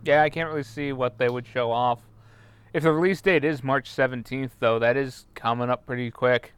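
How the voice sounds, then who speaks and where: A man's voice: medium pitch, steady tone, normal speed, smooth, no room sound. A man chatting casually on a podcast, blunt and opinionated, swearing now and then. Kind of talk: casual chat.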